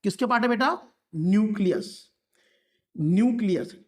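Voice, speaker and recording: A man's voice: high voice, normal speed, a little mellow. A male biology teacher lecturing at a board. He keeps asking questions and repeating each term so the class can echo it back. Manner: repeats key terms and asks the class to echo them back.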